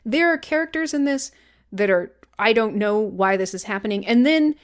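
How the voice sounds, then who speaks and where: A woman's voice: mid-range voice, animated, moderate pace. A woman co-hosting a casual podcast chat. She talks with a wry, sarcastic edge and jokes about what critics wrote. Her delivery stays loose and conversational. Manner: wry, sarcastic, reads critics' blurbs aloud. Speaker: podcast co-host.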